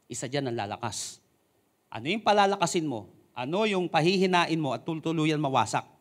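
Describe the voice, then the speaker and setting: A Filipino-accented male pastor delivers a lively sermon in a high voice that swoops up and down. He moves between Tagalog and English and stretches out the scripture lines slowly for weight. The delivery is animated and expressive.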